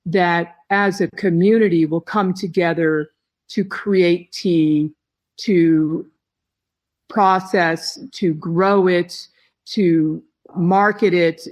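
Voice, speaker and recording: A woman who heads a tea company, giving slow, reflective interview answers with her phrases broken by pauses. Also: on the low side, steady tone, darkish tone. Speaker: tea company head, podcast guest.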